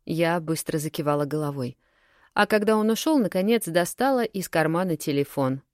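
A woman reads a first-person story for an audiobook with lively, expressive telling. Her voice sits fairly low, and the recording is dry and close, with no room sound. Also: normal speed, no echo. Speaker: audiobook narrator.

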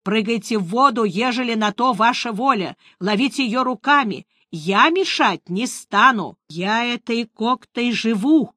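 A woman voicing a gruff, defiant male ship captain who speaks bluntly. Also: fairly high pitch, expressive, a little slow, hardly any pauses, pushed and bright, no echo, clean studio sound, full character voice.

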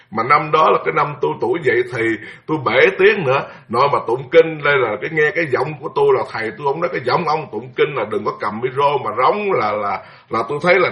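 Animated monk preaching. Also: male voice, mid-range voice. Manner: animated, exclaiming, mimics chanting for effect. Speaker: Buddhist monk giving a dharma talk. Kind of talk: sermon told as personal anecdote.

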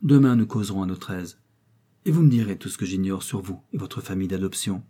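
Man doing a genial old gentleman, kindly uncle, husky, audiobook character. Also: sits low, brisk. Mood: tender. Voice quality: genial, warm-hearted.

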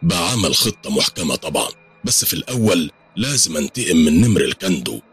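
A man's voice: deep voice, very animated, quick pace, a bit bright, slightly rough, soft background music, full character voice. Man playing a vengeful young schemer. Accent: Egyptian Arabic. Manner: intense, determined.

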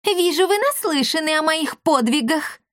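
A woman's voice: sits high, animated, moderate pace, no room sound, clean studio sound, voice pushed up. A woman voicing a scrawny, fierce young sorceress girl who speaks in theatrical, accusing declarations. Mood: grandiose. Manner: theatrical, accusing, self-satisfied.

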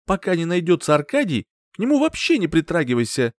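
A man voicing a frantic, furious woman, a grieving mother, in an audiobook, shouting in fierce, high cries. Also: wildly swooping pitch, fast talker, no echo, clean studio sound. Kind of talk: audiobook character voice.

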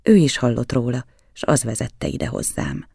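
Male audiobook reader, gravelly and mellow, measured and grave, dry close sound. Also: medium pitch, wildly swooping pitch, no room sound. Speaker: audiobook narrator. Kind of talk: first-person novel reading.

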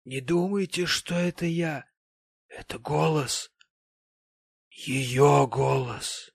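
A man voicing a tipsy, tearful, sanctimonious widowed gentleman, talking in a maudlin, slurred, pompous way in an audiobook. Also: on the high side, takes it slowly, vocal fry, slightly rough, dry recording, studio quality, voice pushed up, heavily acted.

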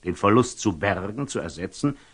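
An actor playing a wise, calm merchant and eloquent storyteller in a classical radio drama, speaking with rhetorical, deliberate emphasis. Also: male voice, fairly low pitch, slightly rough. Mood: solemn, admonishing. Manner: rhetorical, deliberate, with emphatic rises and hushed drops.

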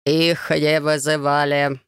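A woman voicing a bored male guard who talks in a nasal, flat, frozen monotone. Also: a little high, takes it slowly, clean tone, dry recording, studio quality. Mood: indifferent.

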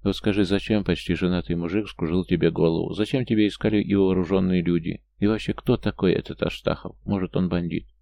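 A man's voice: deep voice, fairly even intonation, fast talker, gravelly, hardly any pauses, dark tone. A male audiobook reader voicing an outraged, protective young woman friend who scolds and comforts in turn. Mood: worried. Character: agitated young woman, a loyal indignant friend.

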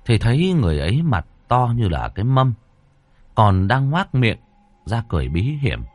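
A man narrating a ghost story in a dramatic, expressive way. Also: mid-range voice, moderate pace, no room sound. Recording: dry close voice over faint music.

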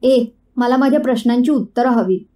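A woman's voice: fairly high pitch, fairly quick, lightly acted. A woman voicing a fiery, defiant young woman. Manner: combative, sharp.

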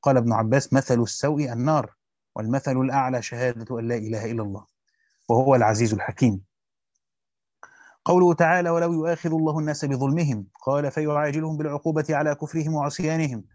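A man with an Egyptian accent reads a Quran commentary aloud quickly as a teacher. He stops to explain grammar and quizzes his students. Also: mid-range voice, darkish tone, no room sound. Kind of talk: fast classical Arabic reading with colloquial explanations. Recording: dull lo-fi dry recording.

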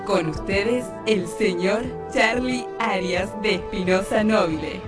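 A woman announces the guests in steady, mock-formal tones. Her voice sits at a middle pitch. Music plays clearly behind her. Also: slow pace. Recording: radio voice-over over music.

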